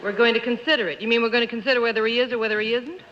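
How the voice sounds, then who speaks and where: A woman's voice: fairly high pitch, fairly even intonation, very fast, slight background noise. Hesitant woman panelist, 1950s TV broadcast. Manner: hesitant, many fillers, playful. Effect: 1950s TV broadcast sound. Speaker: game show panelist. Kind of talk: 1950s TV panel game show questioning. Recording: dull echoey 1950s TV broadcast.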